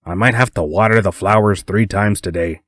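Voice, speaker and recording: A man's voice: on the low side, fairly quick, a bit bright, no echo, clean studio sound. A man voicing a friendly, easygoing man welcoming guests in a storybook reading.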